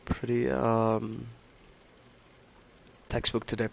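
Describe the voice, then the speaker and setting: A man hosting a trading livestream, talking casually and haltingly to his viewers in a hoarse voice that sounds unwell. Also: fairly low pitch, monotone. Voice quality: hoarse, strained voice. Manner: halting, repeats himself, addresses viewers as buddy and man. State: unwell, voice not as usual. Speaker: live trading stream host.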